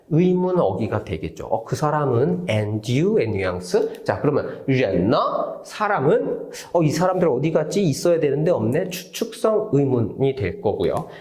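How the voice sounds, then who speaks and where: A man's voice: mid-range voice, reverberant. A man speaking, teaching a lecture-style lesson, asking questions and answering them himself, acting out example phrases. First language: Korean. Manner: lively, asks and answers his own questions, acts out example phrases. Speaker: Chinese language teacher.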